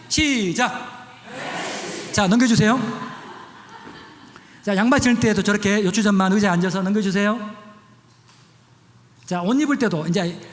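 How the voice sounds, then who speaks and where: A man's voice: high voice, fairly bright tone. Man, pastor, health talk in church, repeats short commands, long hall reverb.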